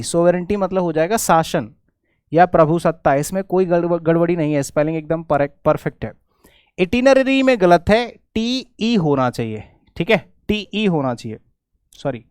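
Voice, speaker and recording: A middle-aged Indian English teacher leads a spelling lesson, spelling words out and repeating them over and over. His voice sits a little high and sounds smooth and clear. The recording is dry and close, with no room sound. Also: no room sound. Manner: explains patiently, spells words out letter by letter; repeats words many times, slips and corrects himself. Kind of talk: spelling lesson for exam students.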